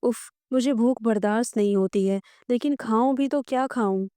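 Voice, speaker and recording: A woman's voice: on the high side, normal speed, mellow, clean tone, dry recording, clean studio sound, natural voice. A woman voicing a proud young male snake guardian in human form who is brash and easily offended.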